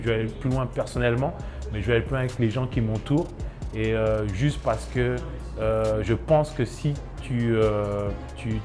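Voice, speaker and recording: A medium-pitched man in his thirties, originally from Ivory Coast, runs a restaurant and works as a chef. He gives a documentary interview, hesitating and restarting often.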